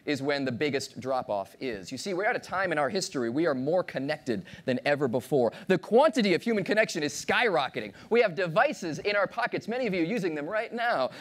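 A man in his thirties giving a motivational keynote on a large conference stage, playful and animated, teasing and quizzing the audience. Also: sits high, fast, hardly any pauses. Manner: animated, playful, audience-engaging, acts out voices. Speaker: keynote speaker.

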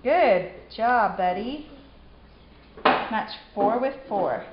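A young woman patiently teaching her son sight words, giving steady praise. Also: on the high side, extremely slow, noisy background. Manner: encouraging, patient, repetitive praise. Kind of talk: one-on-one reading drill. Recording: echoey room, slightly dull home video.

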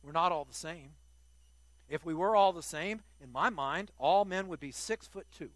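A man's voice: a little high, normal speed, fairly bright tone, no echo. An older man preaching a sermon to his congregation, earnest and emphatic, often repeating words as he restarts a phrase.

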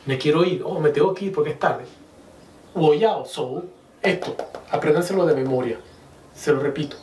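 Man, teacher, patient, slow repeated examples, fairly high voice, roomy echo, mic set back. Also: a little mellow, slight background noise. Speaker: Chinese language teacher. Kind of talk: whiteboard lesson explaining grammar. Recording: echoey room, mic at a distance.

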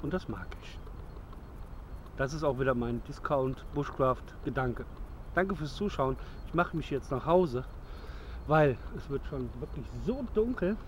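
This thirties-aged bushcraft vlogger demonstrates gear casually outdoors in the woods at dusk, chatty, rambling, and self-correcting. His mid-range voice is animated and measured in pace, captured close on a handheld camera with dull audio and a little hiss or hum.

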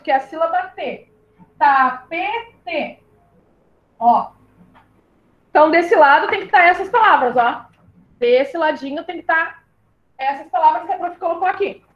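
A woman's voice: extremely high pitch, highs cut off. A woman teacher, patiently leading young children through syllables in an online class. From southern Brazil. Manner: patient, spells out syllables slowly, calls pupils "my love". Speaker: primary school teacher.

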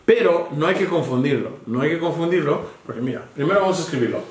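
Fast and lively in intonation, a slightly high male voice guides a child through English vocabulary in a patient, bilingual session. He switches between Spanish and English and spells words letter by letter, against background noise in an echoey room.

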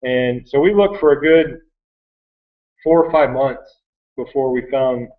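In a small, messy indoor workroom, an American-accented man from Michigan, in his thirties, casually rambles through his experience as an online reseller. His voice is mid-range and unhurried, and the webcam picks it up with a thin, phone-like quality.

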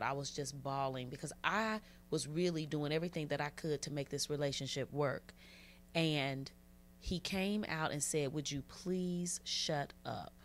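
A woman's voice: low voice, a little hiss or hum. A woman guest in an interview, telling her own story in an earnest, heartfelt way and repeating phrases for emphasis. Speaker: interview guest, abuse survivor. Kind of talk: personal testimony in an interview.

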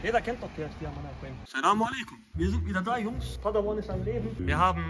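High-pitched young man. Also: lively intonation, fast, noisy background. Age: 20s. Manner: slangy, brash, loose broken grammar. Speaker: vlogger. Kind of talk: casual street-slang vlog chat. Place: cars and streets outdoors. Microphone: phone at arm's length.

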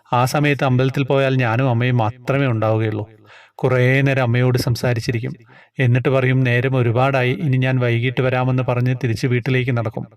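A man calmly and earnestly reading out a devotional personal story. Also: medium pitch. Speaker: narrator reading a submitted story.

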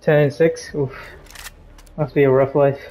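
A man's voice: medium pitch, little pitch movement, a little slow, warm tone. A man in casual, profane gaming chat, trash-talking other players. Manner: taunting, profane. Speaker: gamer, channel player.

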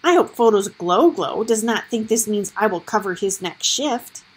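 A woman's voice: mid-range voice, animated, moderate pace, husky. Woman doing a whiny glowing bug. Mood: peevish. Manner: whiny, complaining.

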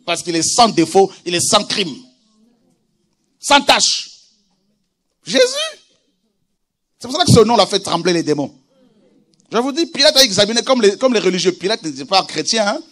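Fiery high-voiced male preacher. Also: fast talker. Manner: animated preaching, swings from hushed reading to shouts. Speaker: pastor. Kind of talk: sermon.

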